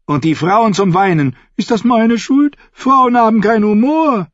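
A cowardly male jester with a shrill, whiny, pleading voice. He sounds sly and self-pitying, high and nasal-edged, in a storybook reading. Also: measured pace, dry recording, highs cut off. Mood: whining.

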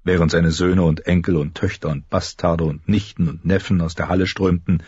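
Deep husky male audiobook narrator. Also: dry recording, muffled recording. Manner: steady, measured storytelling. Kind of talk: scripted narration.

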